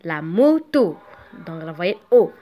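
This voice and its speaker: A woman's voice: fairly low pitch, very animated, mellow. A woman teaching a beginner reading lesson, sounding out syllables and letters one at a time. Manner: slow, syllable by syllable. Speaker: French teacher.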